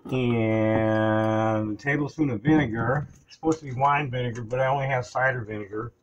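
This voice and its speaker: The sound is lo-fi as an older home cook vlogger talks while he works, chatty and rambling, in his small kitchen. His mid-range voice moves at a normal speed, and the casual cooking chat is recorded by a camera sitting on the counter.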